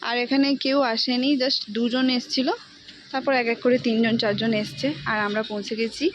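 A woman's voice: on the high side, fairly even intonation, moderate pace, highs cut off. A woman vlogging casually and talking straight to her viewers, filming on a handheld camera at home and outdoors at a temple. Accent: Bengali. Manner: chatty, talks straight to viewers. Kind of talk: casual vlog narration. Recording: noisy outdoor sound, rain and traffic.

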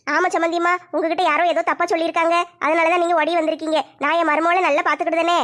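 A woman's voice: very high-pitched, level tone, rapid-fire, fairly bright tone. A woman playing a doting, tearful mother-in-law in a comedy skit, fretting and pleading with a southern Tamil Nadu accent. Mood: fussing. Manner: fretful, pleading.

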